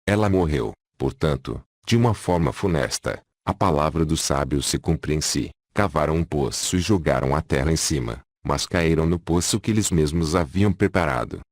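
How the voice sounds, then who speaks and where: Very deep-voiced male audiobook narrator. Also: animated, moderate pace, hardly any pauses, no room sound, clean studio sound. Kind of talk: scripted narration.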